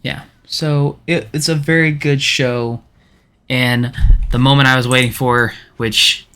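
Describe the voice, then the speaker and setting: A man's voice: medium pitch, little pitch movement, unhurried, sharp tone, clear, resonant tone. A man streaming a game, chatting casually and rambling with lots of restarts and fillers. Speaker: gaming streamer. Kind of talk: casual chat while playing.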